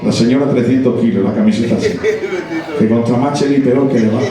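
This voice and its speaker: A man preaching a sermon, impassioned and building to shouts with repeated phrases. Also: medium pitch, steady tone, fairly quick, over a noisy crowd. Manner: impassioned, rising to shouted, repetitive emphasis. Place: church hall. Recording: very echoey church hall, mic far off.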